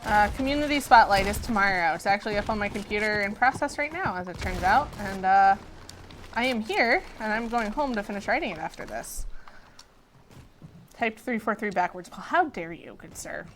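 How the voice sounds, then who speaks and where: A woman's voice: mid-range voice, lively intonation, brisk, a bit bright, a little hiss or hum. Woman hosting a game stream, chatty and giggly, voice bounces up and down a lot. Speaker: stream host. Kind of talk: casual live-stream chat while gaming.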